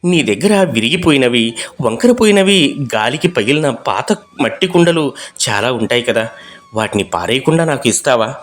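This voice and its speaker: A man voicing a gentle, humble young husband who speaks softly and politely. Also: medium pitch, animated, moderate pace, close to an everyday voice. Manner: soft, pleading, polite. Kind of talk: animated storybook voice acting.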